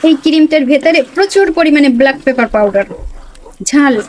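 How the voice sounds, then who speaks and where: A chatty woman with a Bangladeshi Bengali accent narrates her cooking step by step in a home kitchen. Her voice sits a little high, and her talk is easy and conversational, aimed at her viewers. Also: animated, a little fast, darkish tone, a little hiss or hum. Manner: chatty, talks viewers through each step. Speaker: cooking and mukbang vlogger. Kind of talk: casual cooking narration to camera.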